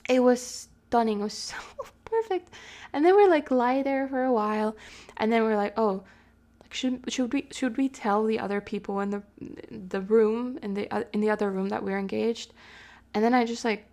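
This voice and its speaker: A young woman vlogger telling a personal story in a chatty, animated way, swearing and laughing often. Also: a little high, moderate pace. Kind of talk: casual storytelling.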